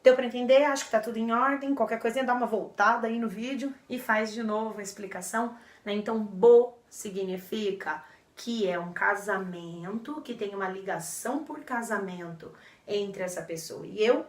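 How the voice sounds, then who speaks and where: A woman's voice: mid-range voice, normal speed. A woman explaining vocabulary to viewers as a teacher, patient and repeating terms with frequent checks for understanding. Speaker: French teacher. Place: indoor room in front of a board. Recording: roomy echo, a bit far from the mic.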